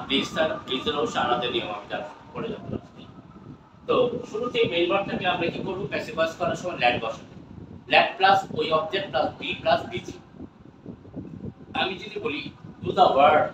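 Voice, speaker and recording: A man's voice: on the high side, dull audio. Male teacher in an echoey room. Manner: mixes Bengali explanations with slow, drawn-out English example sentences; often checks understanding with quick questions. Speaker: English teacher. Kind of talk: classroom grammar lesson. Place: classroom. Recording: echoey room from far off, noisy with passing traffic.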